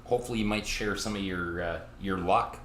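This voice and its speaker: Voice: deep voice, a little fast, fairly bright tone, a little hiss or hum. A card break host, chatting through a live box break and teasing viewers by name from a card shop. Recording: roomy echo.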